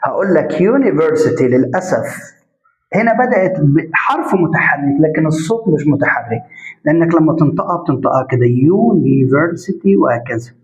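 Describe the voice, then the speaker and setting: A man's voice: a little high, lively intonation. A man with an Egyptian Arabic accent teaching a grammar lesson step by step, putting questions to the class and answering them himself, and stretching out example sounds. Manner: drawn-out spoken examples. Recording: echoey room, dull lo-fi sound.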